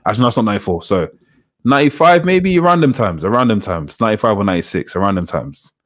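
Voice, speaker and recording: A man's voice: on the low side, animated, fast. A man, chatting casually as a co-host and often repeating phrases for emphasis. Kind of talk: casual chat about wrestling on a live show.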